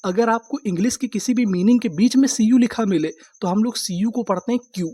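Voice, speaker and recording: A man's voice: high voice, fairly quick, dark tone, husky. A man teaching an English vocabulary lesson, spelling words out letter by letter and answering his own questions.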